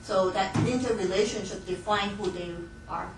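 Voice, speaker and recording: At a moderate pace and medium pitch, a missions training instructor from Hong Kong lectures her students. She chats freely, laughs often, and restarts sentences amid many fillers, all recorded from a distance in a reverberant room with faint noise.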